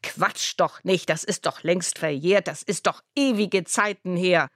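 A woman voicing a rebellious ten-year-old girl in a novel reading, slow, angry and dismissive. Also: lowish voice, no echo, clean studio sound, close to an everyday voice. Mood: furious.

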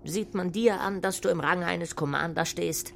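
A woman's voice: on the low side, normal speed, creaky. A woman voicing an ancient alien guinea pig who plots to wipe out humanity and speaks in inverted word order. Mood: lofty.

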